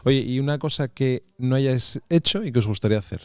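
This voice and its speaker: A man's voice: mid-range voice, fairly quick, darkish tone, clean tone, dry recording. A man around fifty, hosting a casual interview chat in a rambling, friendly way with many fillers. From Asturias, Spain. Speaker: podcast host.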